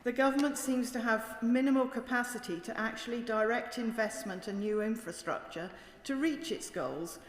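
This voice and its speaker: A British woman speaking as a member of parliament, delivering a formal, emphatic and critical debate speech in measured oratory. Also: a little high. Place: large indoor debating chamber. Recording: echoey chamber with long reverb.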